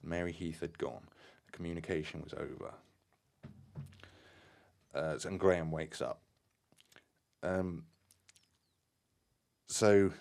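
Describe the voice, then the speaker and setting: A man's voice: sits low, creaky, darkish tone. A man reading and retelling a story on a podcast, hesitant, with fillers and restarts between passages.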